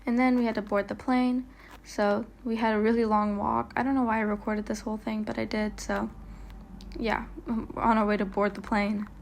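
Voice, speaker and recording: A woman's voice: mid-range voice, flat delivery, normal speed, creaky, a little hiss or hum. A woman narrating a casual travel vlog voiceover, chatty and rambling with lots of fillers, stumbling over her words now and then. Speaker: vlogger. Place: voiceover, not recorded on location.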